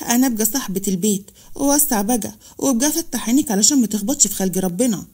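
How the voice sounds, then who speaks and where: A woman's voice: fairly high pitch, racing, close to an everyday voice. A woman voicing a proud, defiant young orphan woman, with an Egyptian accent, in a narrated story. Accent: Egyptian Arabic. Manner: defiant and sharp-tongued.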